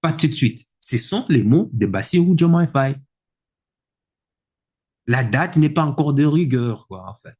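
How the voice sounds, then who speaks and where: A man delivering an indignant political opinion monologue, emphatic and repetitive, with a husky voice. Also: mid-range voice, animated, unhurried, pauses often, mellow. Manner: indignant, emphatic, repeats words for effect. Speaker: political commentator.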